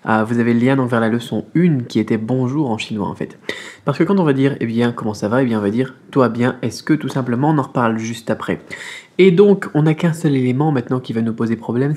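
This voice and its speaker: Male language teacher, upbeat and explanatory, husky tone, spells things out slowly. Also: mid-range voice, a little mellow. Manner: slows to spell out syllables. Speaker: Mandarin teacher. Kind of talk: online language lesson.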